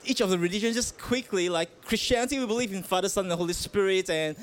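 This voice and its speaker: A Malaysian pastor, a guest at an outdoor festival, answers interview questions with earnest sincerity. His voice is high-pitched and he talks fast, with hesitant restarts and fillers, while slight background noise sits under him.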